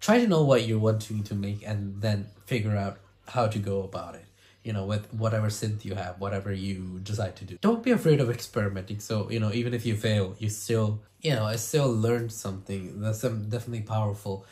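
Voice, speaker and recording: A man with a somewhat low voice who sounds congested from a cold. He runs through sound design tips in a casual, rambling way, often stopping to restart his sentences and leaning on "you know.". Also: a little fast, a little mellow. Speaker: music producer and video host.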